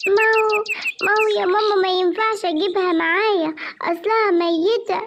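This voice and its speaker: A performer voicing a frantic young female gazelle in a cartoon, in an Egyptian accent, with a stammering, hurried delivery. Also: extremely high pitch, steady tone. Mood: distraught. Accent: Egyptian Arabic. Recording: clear background noise.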